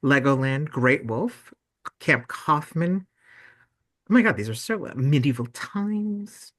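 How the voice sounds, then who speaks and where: A man's voice: a little high, animated, takes it slowly, fairly bright tone. A young man hosting a video-call meeting for volunteers and parents, bubbly and effusive as he gushes over their ideas. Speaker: webinar host for volunteers and parents. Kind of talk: casual online meeting presentation.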